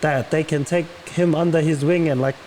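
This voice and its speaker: Slightly higher-voiced man chatting sport. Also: steady tone, moderate pace, darkish tone. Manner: conversational, loose slangy phrasing. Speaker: sports show panelist. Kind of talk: casual sports chat. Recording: slight background noise.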